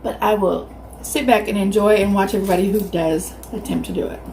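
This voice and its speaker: A woman in her fifties with a Southern US accent, telling a casual, animated story to viewers as she hosts a mukbang, chewing while she talks. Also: mid-range voice, brisk, slight background noise, low-quality recording. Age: 50s. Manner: animated, acts out quoted reactions. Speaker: mukbang video host.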